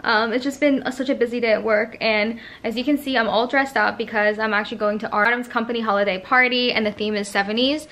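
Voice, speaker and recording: A woman's voice: on the high side, fairly even intonation, fast, few pauses, a bit bright. A young woman chatting casually to her camera in a daily vlog, rambling from one thing to the next. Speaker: vlogger. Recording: noisy handheld vlog audio.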